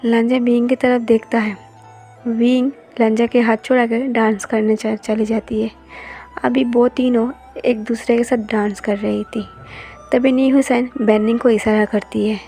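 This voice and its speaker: A woman narrating a fan fiction love story in an even, steady reading voice. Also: on the high side, unhurried. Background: faint background music.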